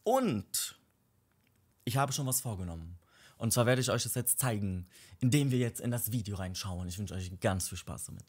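Excitable man commenting a game. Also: moderate pace, husky. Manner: excitable, gushing, with high squeals. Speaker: let's play host. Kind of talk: casual gameplay commentary.

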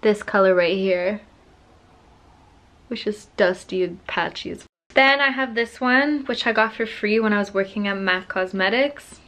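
A young woman chatting excitedly in a casual vlog at home, gushing and swearing freely. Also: medium pitch, moderate pace. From United Kingdom. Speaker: beauty vlogger. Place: at home, indoors.

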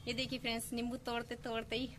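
This casual village vlog comes from a woman in her twenties who holds her phone out to show the courtyard and rooftop. She speaks quickly in a fairly high voice that barely changes pitch, over clear outdoor background noise.

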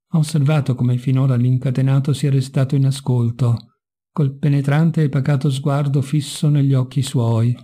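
Dark-voiced man reading a classic novel. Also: medium pitch. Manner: measured, dramatic reading. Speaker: audiobook reader. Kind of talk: literary audiobook narration.

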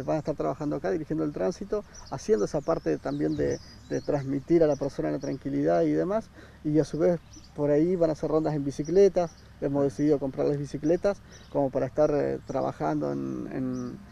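A man, a campground manager speaking haltingly in an outdoor interview. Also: fairly high pitch, creaky, warm tone. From Argentina. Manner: hesitant, many fillers and restarts. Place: outdoor park by a river. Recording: dull sound, faint outdoor noise.

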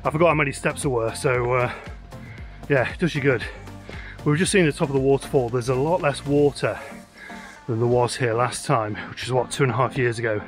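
A landscape photographer from the UK, in his forties, vlogs casually in a wooded glen with his camera at arm's length, chatting in a rambling style full of fillers and restarts. His medium-pitched voice is brisk, and music runs beneath the narration.

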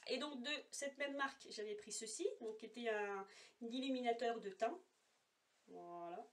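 Speaking at a normal speed with a fairly high pitch, a woman rambles through a casual at-home makeup swatch vlog, full of fillers. She's a beauty vlogger talking to a camera positioned apart from her, no monitor in use, and her voice lands a bit far from the mic.

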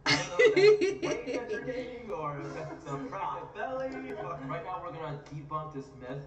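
A man's voice: high voice, very animated, normal speed, over music. A young man chatting casually to viewers as the host of a challenge video. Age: young adult. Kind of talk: casual, animated challenge vlog chat. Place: large open living room, indoors. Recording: roomy, distant mic, slightly dull re-played audio.

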